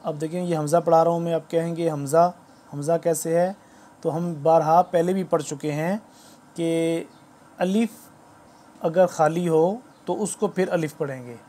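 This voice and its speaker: A man giving a spoken lesson on Quran letter reading, patiently explaining and slowly spelling out letter drills aloud. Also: a little high, steady tone, warm tone. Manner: formal greeting to viewers.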